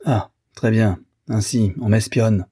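A man's voice: lowish voice, fairly even intonation, takes it slowly, warm tone, slightly rough, no echo, studio quality, exaggerated voice. A man voicing an evasive, blustering middle-aged husband who protests in a flustered way.

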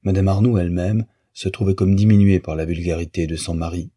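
A man reading a literary novel aloud as an audiobook narrator, in a measured, even way. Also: deep voice, slightly rough.

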